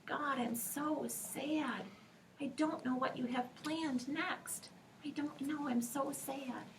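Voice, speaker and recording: A woman voicing a sad, weary male prophet who speaks in soft, hushed pleading. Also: high-pitched, steady tone, slow, distant mic, slight background noise, pitched above the performer's own voice, poor audio. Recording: recorded from across the room.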